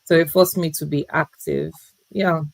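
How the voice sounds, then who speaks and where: A woman guest in an interview, talking in a reflective, measured way with frequent pauses. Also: deep voice, fairly even intonation, no room sound, poor audio. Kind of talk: interview conversation.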